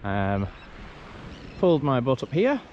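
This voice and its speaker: A man vlogs in an unhurried way, his mid-range voice swooping wildly in pitch as he rambles casually and says "you know" often. The setting moves from a kayak at sea to a beach. An action camera provides dull lo-fi audio marked by clear wind and water noise.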